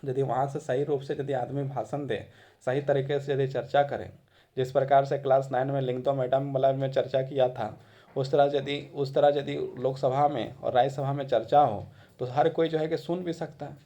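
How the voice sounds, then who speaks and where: A man's voice: medium pitch, flat delivery, normal speed, dark tone. A man giving a classroom lecture in a conversational way, repeating phrases for emphasis. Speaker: teacher.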